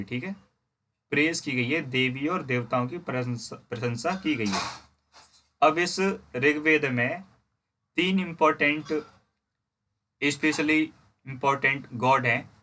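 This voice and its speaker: A man teaching a history lesson in Hindi. He reads English lines slowly, explains them, and asks and answers his own questions. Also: fairly high pitch, bright, forceful tone. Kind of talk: classroom lecture explaining a textbook.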